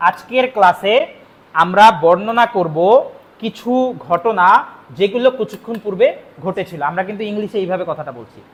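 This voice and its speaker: High-voiced teacher. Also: male voice. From Bangladesh. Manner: explains slowly, repeats each phrase, switches between Bengali and English. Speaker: spoken English teacher. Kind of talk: classroom grammar lesson.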